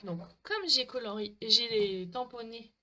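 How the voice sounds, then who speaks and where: Bright-voiced woman chatting through a craft live. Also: on the high side, a little slow. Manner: chatty, talks to viewers by name, self-mocking. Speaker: crafting livestream host. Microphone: desk mic.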